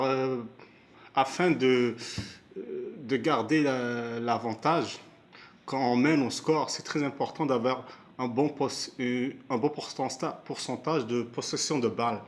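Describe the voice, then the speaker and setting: A man shares his view of a football match at an unhurried pace. He pauses often, fills gaps with hesitation sounds and restarts his sentences, and his voice sits at an ordinary middle pitch. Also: fairly even intonation, a little hiss or hum. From Canada, Montreal area. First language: Moroccan heritage; first language not stated. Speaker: amateur football commentator. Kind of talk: casual spoken match analysis.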